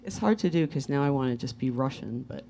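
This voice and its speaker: A woman guest, a band's frontwoman, chatting playfully in a relaxed interview, often trailing off. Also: extremely low pitch, fast, gravelly, a little hiss or hum. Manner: playful, rambling, trailing off softly. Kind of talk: casual interview chat. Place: music bar.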